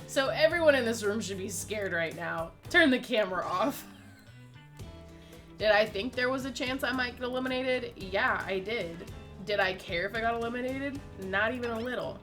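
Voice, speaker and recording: A woman's voice: on the high side, moderate pace, fairly bright tone, soft background music, lightly acted. A woman reading the lines of a brooding, short-tempered killer, answering her own questions with sarcasm. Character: brooding angry killer, denies caring, self-serious. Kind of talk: dramatic game dialogue reading.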